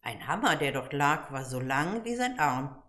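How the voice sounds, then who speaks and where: A woman with a low voice reads a children's story aloud. She keeps a calm, even pace throughout. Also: unhurried. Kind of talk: storybook reading.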